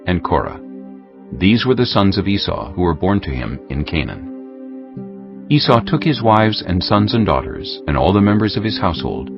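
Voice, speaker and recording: A male narrator with a deep register reads scripture in a measured way, his delivery carrying an animated melody. Clear musical backing plays underneath, and the recording sounds slightly dull and muffled beneath the music.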